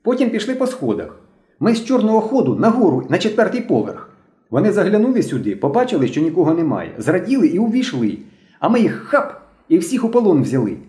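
A wiry, overexcited boy barks orders in a high, strained voice, as a man reads him aloud. He is a bossy little squad leader who never stops shouting, heard in a storybook recording with a roomy echo. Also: big pitch swings, moderate pace. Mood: eager. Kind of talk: audiobook reading.

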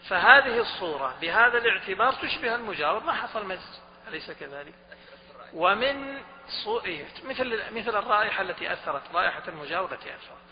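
A man giving a lecture on Islamic jurisprudence, who quizzes the students often and repeats his points. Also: high voice. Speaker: religious studies teacher. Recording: dull recording with a long hall reverb and faint hum.

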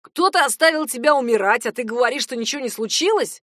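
A woman voicing a nosy, hotheaded young male cousin who keeps pressing with loud, insistent questions. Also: high voice, lively intonation, quick pace, dry recording, studio quality, voice pushed up. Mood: pushy, prying.

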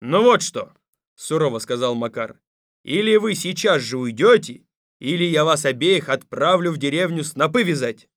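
A stern, weary tsar from a fairy tale who barks his orders in a gruff, commanding tone. His voice sits a little higher than most men's, and the recording is close and dry, with no room sound. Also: animated, unhurried, a bit bright, no echo. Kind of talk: audiobook radio play.

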